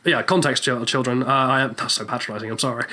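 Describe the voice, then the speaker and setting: A posh-sounding British man with an RP accent who talks quickly and sarcastically and fills his talk with fillers. He sounds cynical and animated, like a man chatting on a casual podcast. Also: mid-range voice. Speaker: podcast co-host. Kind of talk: casual chat. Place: small room in student housing.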